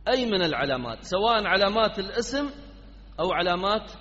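A man's voice: high-pitched, big pitch swings, fast talker, bright, forceful tone. A man teaching an Arabic grammar class, quizzing his students and prompting them with repeated questions. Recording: dull lo-fi sound in a reverberant hall.

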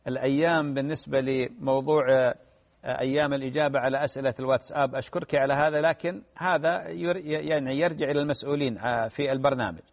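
A man, a sheikh answering listeners' religious questions in a gentle advisory way. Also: mid-range voice, fairly even intonation, quick pace, long reverb tail. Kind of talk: radio religious Q&A.

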